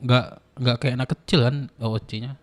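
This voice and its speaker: A man's voice: medium pitch, steady tone, moderate pace. A young man streaming a game roleplay, chatting casually in slang and laughing often.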